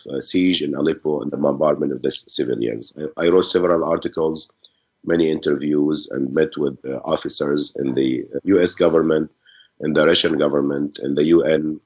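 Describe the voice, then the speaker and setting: Middle-aged syrian-born doctor, super low voice, lots of uhs, dull call sound. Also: male voice, a little mellow, husky. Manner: measured, frequent fillers. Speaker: physician panelist. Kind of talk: online panel introduction. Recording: muffled online call audio.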